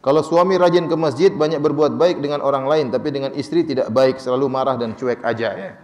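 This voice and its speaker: A man's voice: medium pitch, steady tone, a little fast, darkish tone. A man preaching in a conversational, playful way, answering listeners' questions and acting out short dialogues. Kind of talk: Islamic study sermon with Q&A. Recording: long hall reverb.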